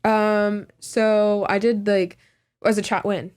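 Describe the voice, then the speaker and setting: A woman's voice: medium pitch, level tone, slow, a little mellow, smooth. A young woman from California, a singer and actress, chatting casually as a podcast guest, laughing often and filling her talk with "like". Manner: laughs often, lots of "like" fillers.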